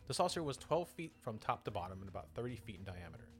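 A man's voice: on the low side, quick pace, faint music behind. A man hosting a podcast, telling strange stories in a casual, joking way with asides and self-corrections. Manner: lively, joking, self-interrupting. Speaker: podcast host.

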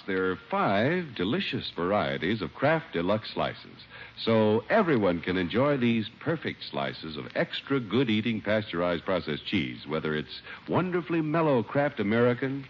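A man reading ads and credits as a 1940s radio announcer in a polished, lively sales pitch, heard from an old broadcast transcription disc. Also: dull audio, slight background noise.

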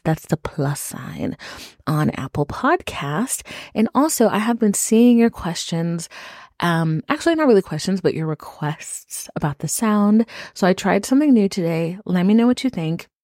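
Woman, podcast host, slightly low pitch, familiar conversational intro, very dry recording. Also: a little mellow, no echo. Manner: conversational, addressing listeners familiarly. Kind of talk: direct-to-listener podcast introduction.

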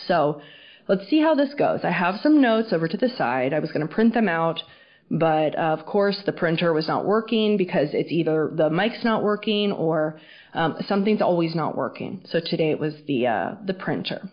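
A woman hosts a casual solo podcast in a fairly low voice. The audio is dull and muffled, so she sounds underwater. She speaks frankly and informally, with plenty of swearing. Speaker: podcast host.

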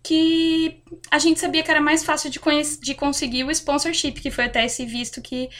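Woman, Brazilian accent, podcast host, high voice, chatty, relaxed. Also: normal speed. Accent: Brazilian Portuguese. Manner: chatty, relaxed personal storytelling. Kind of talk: casual chat.

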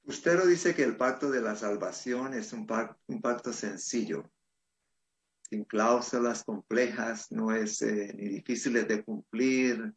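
A man, a pastor, commenting conversationally on a Bible study panel, citing verses with small restarts. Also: lowish voice.

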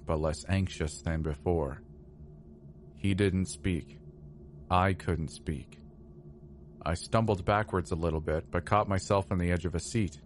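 A man narrating a first-person horror story in a slow, measured, somber way. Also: low-pitched, a little hiss or hum.

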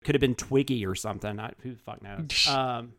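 A man's voice: medium pitch, brisk, fairly bright tone, a little hiss or hum. A man hosting a podcast in casual chat, rambling and self-deprecating, often laughing at himself. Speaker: podcast host.

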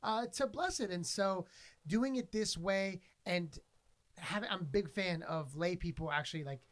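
A man co-hosting a podcast in casual chat, upbeat and quick to say "there you go.". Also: high voice. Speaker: podcast co-host.

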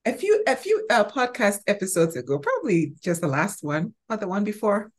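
A woman hosting a faith podcast, chatty and quick to laugh. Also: mid-range voice, very animated. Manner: laughs often, chatty and bubbly. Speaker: podcast host. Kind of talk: casual podcast chat.

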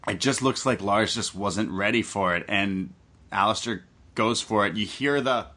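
A man's voice: fairly low pitch, normal speed, pushed and bright. A man hosting a podcast, giving a casual, enthusiastic fan's recap of a wrestling match. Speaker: podcast host.

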